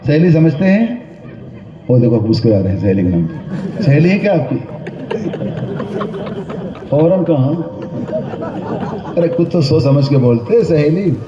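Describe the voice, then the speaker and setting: A man's voice: fairly high pitch, animated, pauses often, crowd noise, noisy background. A man preaching a sermon to a large gathering, telling stories, acting out the voices he quotes and putting questions to the audience. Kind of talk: religious sermon. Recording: echoey, distant, dull hall recording.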